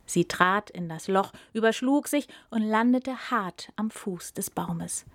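Woman reading a fairy tale, calm and expressive, dry close sound. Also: medium pitch, slow, dry recording. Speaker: storyteller. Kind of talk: storybook narration.

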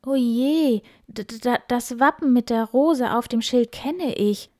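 A woman's voice: sits high, expressive, measured pace, no room sound, clean studio sound, voice pushed up. A woman voicing a frightened noble wife in a children's story, stammering and urgent.

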